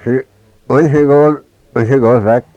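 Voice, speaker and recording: A man telling a traditional folk tale in halting dialect speech with many restarts, on a dull lo-fi recording. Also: medium pitch, steady tone, warm tone, no room sound. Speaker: storyteller.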